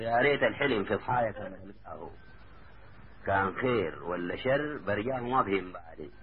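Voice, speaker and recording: A man's voice: mid-range voice, phone-quality sound, slight background noise, natural voice. A man with a Sudanese Arabic accent voicing a brave, proud young man who declaims rhymed verse.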